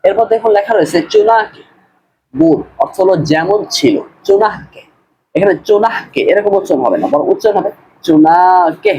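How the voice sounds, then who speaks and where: A man's voice: sits high, expressive, fairly quick, darkish tone, a little hiss or hum, rough recording. A man teaching a recorded class, patiently translating a text word by word, repeating and correcting pronunciation. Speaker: madrasa grammar teacher. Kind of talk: screen-based recorded class, line-by-line translation.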